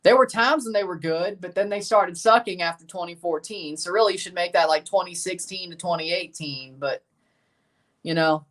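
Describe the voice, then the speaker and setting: A high-pitched, fairly bright male voice comes from an American streamer with a Southern accent, speaking at a moderate pace a bit away from the mic. He's casual and rambling during a live match watchalong, with mild swearing.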